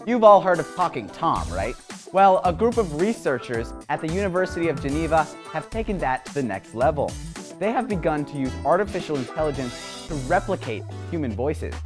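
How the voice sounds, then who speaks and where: A woman hosts a lighthearted news segment in a low, very lively voice. Her delivery is playful and full of quips, and music plays clearly behind her. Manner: playful, quipping. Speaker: segment host. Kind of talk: jokey scripted news segment.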